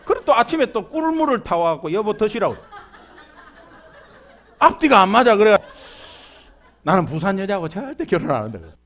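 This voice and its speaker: A middle-aged male pastor from Busan delivers a sermon in a Gyeongsang accent. His voice sits high and leaps all over the place, and he plays out the people he quotes with humor. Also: very animated, fast talker, fairly bright tone. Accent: Gyeongsang (Busan) Korean. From Busan, South Korea.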